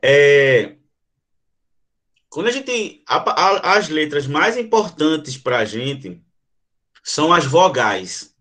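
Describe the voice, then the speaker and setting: A man with a somewhat high voice teaches a live online lesson. He models the sounds aloud as he explains them and often pauses to check that his viewers are following. He also answers their comments as they arrive. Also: sing-song, a bit bright. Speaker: Portuguese teacher.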